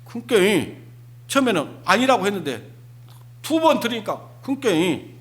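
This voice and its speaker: Pastor, male; very high, animated delivery, emphatic, keeps asking the congregation questions. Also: normal speed. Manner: emphatic, peppers talk with rhetorical questions to the congregation. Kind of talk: Sunday sermon.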